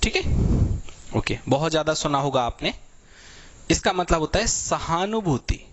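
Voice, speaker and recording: A young man gives a vocabulary lecture in a chatty, explanatory way. He walks students through meanings with homely examples and keeps checking in after every point. His voice sits a bit higher than most men's. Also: expressive, moderate pace, fairly bright tone. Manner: explanatory, repeats "thik hai" constantly, tells everyday examples. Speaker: teacher.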